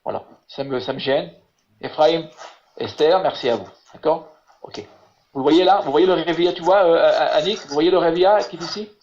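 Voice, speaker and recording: A man teaching Hebrew in an online lesson over a video call. He talks haltingly, repeating words and filling with "voilà". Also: on the high side, darkish tone. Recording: muffled lo-fi web call audio.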